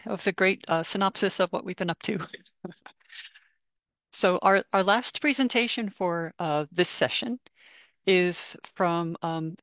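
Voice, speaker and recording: A woman's voice: mid-range voice, fairly bright tone, no room sound. A woman moderating an online session, introducing speakers in a friendly, slightly hesitant way. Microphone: video call.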